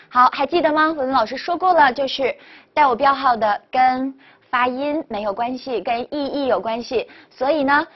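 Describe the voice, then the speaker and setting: Lady teacher w a high voice, cheery, praises a lot, bit muffled lo-fi sound. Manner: upbeat, praising, repeats model words. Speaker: French pronunciation teacher. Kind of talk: video language lesson. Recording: dull lo-fi recording.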